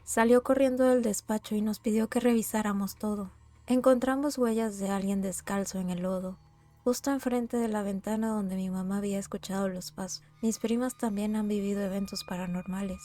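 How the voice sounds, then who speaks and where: Woman, mellow voice, steady horror narration. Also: medium pitch, a little fast. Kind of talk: scripted narration.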